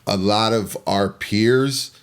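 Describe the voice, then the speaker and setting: A man's voice: lowish voice, slow, smooth. A man in his forties, a guest on a podcast, talking reflectively with many hesitations. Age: 40s. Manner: reflective, hesitant, restarts phrases. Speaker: interview guest. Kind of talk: casual interview chat.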